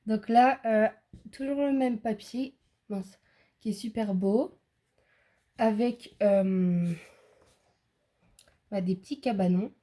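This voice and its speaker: A woman's voice: mid-range voice, slow, pauses often, mellow. A woman in a casual craft video, describing greeting cards hesitantly with many fillers. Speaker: co-presenter showing cards. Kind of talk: casual show-and-tell.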